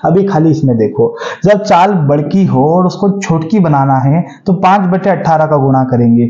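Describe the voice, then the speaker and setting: A man's voice: fairly high pitch, animated, normal speed, dark tone, reverberant, dull audio. A man in his forties teaching an exam-prep math lesson, asking the class questions and answering them himself. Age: 40s.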